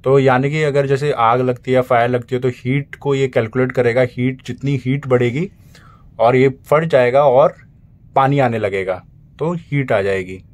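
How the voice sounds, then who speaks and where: Speaking a little slowly at a medium pitch, a young man from India shows off his small cruise ship crew cabin and bathroom. He films on a handheld phone and explains things step by step in a casual vlog style.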